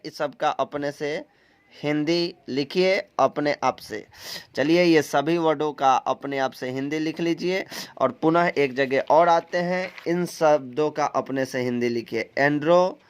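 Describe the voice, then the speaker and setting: The teacher, a man from India, has a clear, resonant voice on the high side and speaks a little slowly. He guides students through an English vocabulary lesson step by step in a recording, keeping a plain instructive tone, repeating steps and adding some filler sounds.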